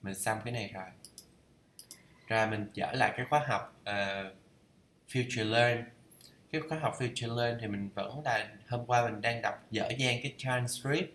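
A fairly bright, medium-pitched male voice in a roomy space belongs to a Vietnamese learner reading a course aloud. For his casual study vlog, he talks through English idioms, reasoning aloud and slowly saying phrases to check their pronunciation.

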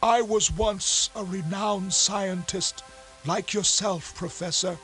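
A man's voice: sits high, fairly even intonation, a bit bright, faint music behind, pitched above the performer's own voice, poor audio. Man doing a dying, bitter old sea captain. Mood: grieving. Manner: gasping, grave, drawn-out delivery.

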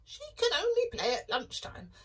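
A woman's voice: sits high, wildly swooping pitch, moderate pace, voice pushed up. A woman voicing a chatty female magic chicken that cackles and squawks.

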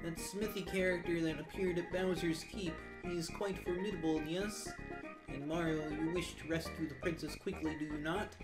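A woman's voice: on the low side, steady tone, close to an everyday voice, poor audio. Woman voicing an old wise mentor frog, formal and patient. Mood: sage, patient. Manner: measured, formal wise-mentor delivery with questioning tags. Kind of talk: dramatised video game dialogue reading. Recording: music behind the voice. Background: plucked-string game music.

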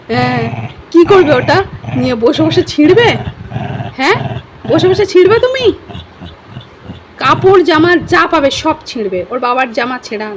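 A woman talking to and about her pet dog at home in a lively, scolding and cooing way. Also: high voice. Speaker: pet owner vlogger. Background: dog barking, household noise.

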